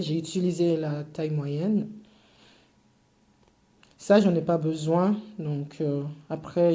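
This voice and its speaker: Low, mellow-voiced woman with English accent. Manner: hesitant, full of filler sounds; patient, detailed explaining. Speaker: cake decorating teacher. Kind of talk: step-by-step tutorial.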